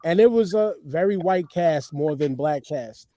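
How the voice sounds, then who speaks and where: Casting: male podcast co-host, slightly high voice, lively swooping delivery, joking banter. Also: unhurried, dry recording. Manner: animated, laughs loudly, swears casually. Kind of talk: casual chat.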